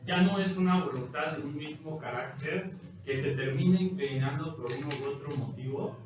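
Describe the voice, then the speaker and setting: A male student in a class, asking a question in a measured, tentative way. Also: fairly high pitch. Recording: distant, very echoey, noisy mic.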